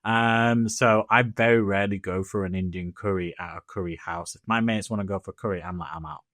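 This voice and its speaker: A man's voice: fairly low pitch, steady tone, fairly quick, fairly bright tone, dry recording. A man chatting casually as a podcast co-host, rambling with restarts and fillers.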